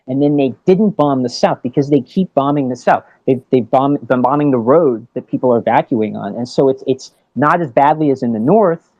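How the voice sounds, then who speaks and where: A man from the United States argues his case earnestly over a video call, his dark, mellow voice dull and lo-fi. The connection keeps breaking up, so his words cut in and out. The sound is dry, with no room around it. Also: mid-range voice, fairly quick, no room sound. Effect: connection breaking up, voice cutting in and out. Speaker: panel discussion guest. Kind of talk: online panel debate.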